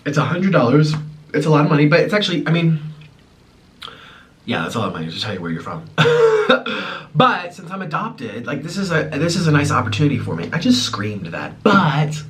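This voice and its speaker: Eating on camera at home, a man in his twenties who was born in Ukraine and grew up in America chats and rambles as a mukbang host. His fairly high voice swoops wildly in pitch, moving briskly with a slightly bright edge. The recording has a slightly distant mic and faint room noise.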